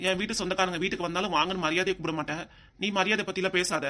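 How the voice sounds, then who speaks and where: This is a gentle, caring village father in a cartoon family drama, voiced by an actor. He coaxes and soothes in a medium-pitched voice, and his words come out in a very fast rush. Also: steady tone, natural voice. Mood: scolding. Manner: soothing, coaxing.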